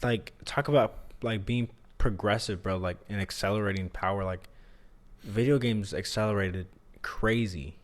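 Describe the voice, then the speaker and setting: A man's voice: fairly low pitch, normal speed. A young man co-hosting a podcast in casual chat, slangy and swearing freely, with a lot of "dude" and "like". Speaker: podcast co-host.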